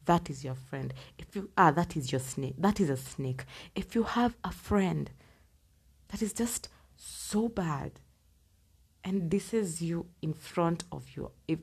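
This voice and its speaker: Woman podcast host recording at home, low gravelly voice, casual and emphatic. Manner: casual, repeats points for emphasis, slips into soft half-whispers. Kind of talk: solo self-improvement podcast talk.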